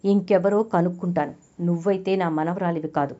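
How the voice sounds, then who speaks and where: A woman's voice: on the low side, steady tone, a little fast, dark tone, lightly acted. A woman playing a furious old grandfather. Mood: angry accusing. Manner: accusing, raising voice. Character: stern elderly grandfather, furious at betrayal. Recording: dull lo-fi recording.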